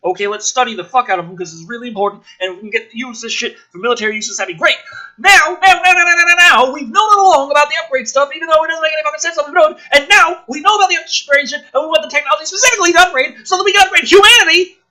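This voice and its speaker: As the host of a review show, a man with a very high-pitched, pushed, bright voice reads a script aloud quickly and with theatrical emphasis. He adds incredulous, exasperated commentary laced with profanity.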